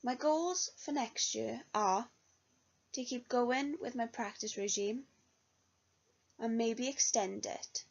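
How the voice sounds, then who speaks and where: Slow and creaky, with frequent pauses, a young woman's fairly high voice reads an earnest reflection on her year as a singing student. The lo-fi recording is dull.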